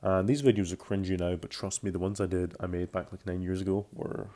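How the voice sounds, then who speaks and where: His voice sits low and dark, delivered flatly and a little fast, as this YouTuber in his early twenties from Belgium, Scotland and France rambles about himself. He keeps restating and correcting his phrases.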